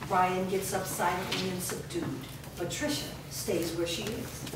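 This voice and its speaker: Reading scripted stage directions, this narrator has a somewhat low, steady voice and a slightly slow delivery. It was captured at a live staged reading by a distant microphone, leaving the sound very echoey, remote and noisy.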